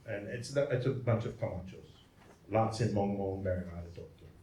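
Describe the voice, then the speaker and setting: Speaking at a moderate pace in a warm, fairly low male voice, a priest gives a jokey, digressive genealogy presentation at a symposium, often asking "Okay?" and "right?" He's captured from far off in an echoey hall with a little background noise.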